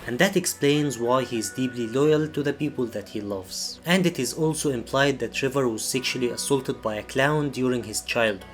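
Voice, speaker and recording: Serious male narrator over soft music. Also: mid-range voice, normal speed, few pauses. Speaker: video essay narrator. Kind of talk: scripted narration.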